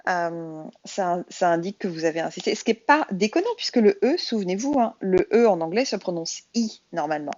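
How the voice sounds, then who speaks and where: A woman's voice: lowish voice, animated, fairly quick, few pauses, darkish tone, no room sound, dull audio. A woman whose first language is French, explaining English grammar in a casual, chatty lesson and addressing her viewers directly. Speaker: English teacher.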